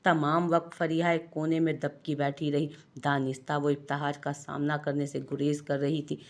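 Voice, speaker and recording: A woman's voice: flat delivery, normal speed. A woman with an Urdu accent reading a romantic novel aloud, voicing all the characters herself. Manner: reads every character herself, with small pitch lifts for dialogue. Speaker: narrator.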